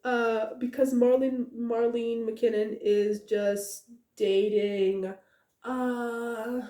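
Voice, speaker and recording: A young woman podcaster rambles casually about a book, giggling often, with many "uh"s, restarts and excited asides. Her voice is a little high, she draws out her words, and the sound is roomy.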